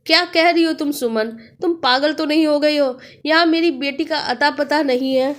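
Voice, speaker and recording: A woman doing a shouting anguished older mother. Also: high-pitched, moderate pace. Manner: shouting, pleading.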